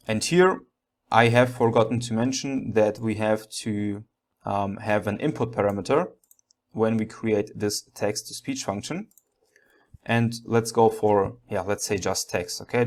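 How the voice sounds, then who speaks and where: Man, coding instructor, fairly low voice, thinking aloud, step-by-step tutorial delivery, frequent okays. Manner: thinks aloud, often punctuated with okay.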